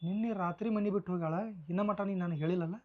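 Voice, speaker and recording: Heated, fast-talking angry husband. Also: male voice, sits high, fairly even intonation. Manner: heated and scolding. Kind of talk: rural family drama acting. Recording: slightly dull sound with faint music.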